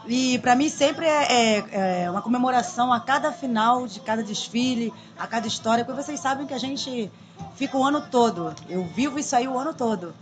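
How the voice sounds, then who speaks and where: A woman, talking in a lively, chatty way as a guest in a small radio studio. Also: on the high side, a little fast. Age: 40s. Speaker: samba school drum queen guest. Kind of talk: casual radio interview. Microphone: studio boom mic.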